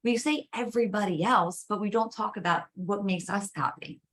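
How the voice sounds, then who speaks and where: A woman's voice: mid-range voice, moderate pace, fairly bright tone. A woman guest coach speaking in casual interview chat, emphatic and persuasive, leaning on rhetorical questions.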